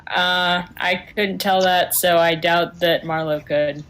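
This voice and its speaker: A woman's voice: lowish voice, fairly even intonation, takes it slowly, fairly bright tone, clean tone. A woman playing a tabletop game over a voice call, easygoing and hesitant, trailing into fillers. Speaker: player. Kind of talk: casual tabletop game chat.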